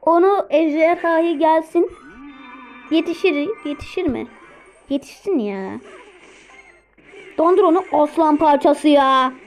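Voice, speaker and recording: A high-pitched woman commenting on her own game live, urging her units on and calming herself down. She repeats words in quick bursts while faint game music plays under her voice. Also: rough recording. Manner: excitable, talks to herself while playing. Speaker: gameplay streamer.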